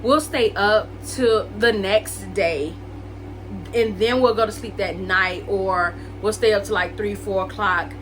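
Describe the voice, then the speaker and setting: A rough recording with slight background noise captures a woman in her late twenties, a vlogger with a mid-range, somewhat bright voice, talking at a measured pace. She chats to camera so viewers can get to know her, using plenty of "likes" and "ums" and calling them "y'all" and "guys."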